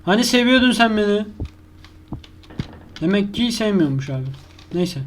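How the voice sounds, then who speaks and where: Over slight background noise, an animated man with a high-sitting voice keeps a moderate pace as he commentates a horror game live for YouTube. Crude and constantly swearing, he yelps when scared and talks to the game's monster.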